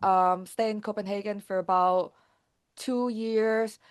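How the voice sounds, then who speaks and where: A young woman from Thailand talks as a guest in a relaxed interview. Her speech is quick and lively and full of little fillers, at a middling pitch for a woman. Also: clear, resonant tone. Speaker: guest, founder. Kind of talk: casual interview talk.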